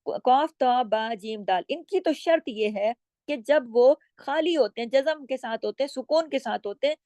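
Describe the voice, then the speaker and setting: A woman teaching Quran recitation rules. She explains patiently, stretches each example word out slowly, and often checks in with her listeners. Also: sits high, expressive, dark tone, dry recording, studio quality. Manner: draws out words slowly when demonstrating. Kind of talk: recitation lesson with slow demonstrations.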